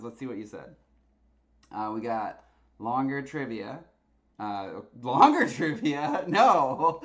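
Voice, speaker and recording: A man casually hosting a live-streamed trivia night, chatty and quick to laugh between answers. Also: medium pitch. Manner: chatty, laughs easily, lots of uh fillers.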